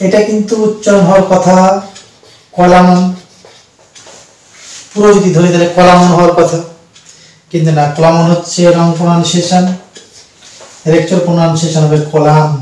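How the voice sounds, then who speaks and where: A man with a Bengali accent gives a slow, repetitive lesson to his students, his voice sitting a bit high. He sounds far from the mic, in a very echoey room. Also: a little mellow. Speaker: English teacher. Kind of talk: spoken lesson.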